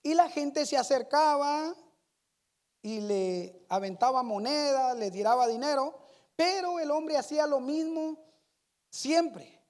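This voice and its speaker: A woman preaching a sermon, telling a story slowly and building to fervent praise. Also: high-pitched. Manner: slow storytelling, rising to fervent shouted praise. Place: church sanctuary. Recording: reverberant church hall.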